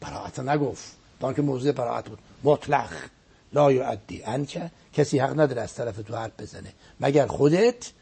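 A man's voice: medium pitch, vocal fry, hardly any pauses, mellow, husky. A man speaking as a guest cleric, giving an earnest, emphatic religious lecture on a broadcast program and often repeating his words for stress. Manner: earnest, emphatic preaching with repetitions.

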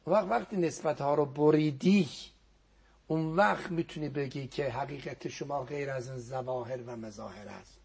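A man appears as a guest on a program to give an earnest religious talk, teaching and quoting Arabic prayers, with his voice sometimes sinking to a near whisper. It is a medium-pitched, creaky voice with a darkish tone and a breathy edge.

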